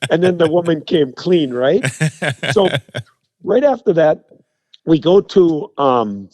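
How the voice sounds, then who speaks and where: A man's voice: a little high, slow, dry recording, highs cut off. A man telling stories as a guest on a radio show, acting out the people in them. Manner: animated anecdote teller, acts out the people in his stories.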